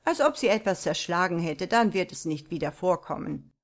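A woman reading the part of an unflappable American diplomat with dry wit. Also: on the low side. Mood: dry, calm. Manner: calm, dry, unhurried. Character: calm dry-witted American diplomat man.

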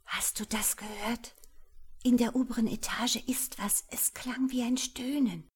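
A woman reading an audiobook, voicing an anxious, tearful young wife in a raised, breathy whisper. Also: on the high side, moderate pace, a little mellow, voice pushed up, close to an everyday voice. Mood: frightened whisper.

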